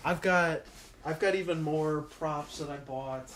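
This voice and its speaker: A man's voice: on the high side, a little slow, background noise. A man hosting a live stream, chatting casually and straight to his viewers, rambling and often correcting himself mid-sentence. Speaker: livestream host.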